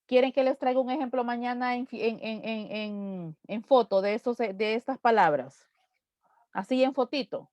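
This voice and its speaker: A woman English teacher, explaining slowly and repeating each English word in a live online lesson. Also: a little high, darkish tone, no echo, dull audio. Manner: slow, drawn-out explanations repeating English words.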